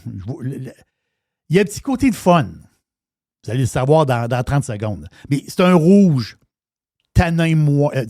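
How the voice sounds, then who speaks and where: A man's voice: fairly high pitch, a little mellow, dry recording, studio quality. A middle-aged man with a Québécois accent, chatting casually as a radio wine columnist, repeating words and using slangy phrasing. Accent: Québécois French.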